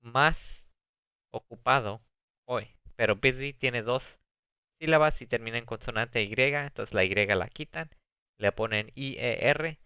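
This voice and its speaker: Slow, clear-voiced male teacher. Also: medium pitch, no room sound. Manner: slow, deliberate reading of English sentences with Spanish explanations. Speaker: ESL teacher. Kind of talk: recorded video lesson on comparative adjectives. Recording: dull, dry lo-fi sound.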